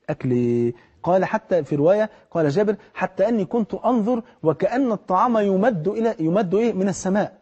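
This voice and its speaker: A man's voice: a little high, slightly rough, muffled recording. A middle-aged man with an Egyptian accent preaching a storytelling sermon, acting out the people in his story. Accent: Egyptian Arabic. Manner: animated, acts out the people in the story.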